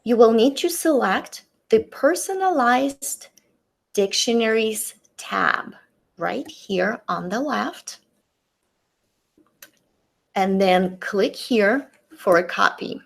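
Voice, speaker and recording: Demonstrating a tool on screen in a webinar, a middle-aged woman teacher speaks into her computer mic with a Russian accent, Russian being her native language. She is careful and deliberate, and her fairly high voice has lively intonation and a creaky quality.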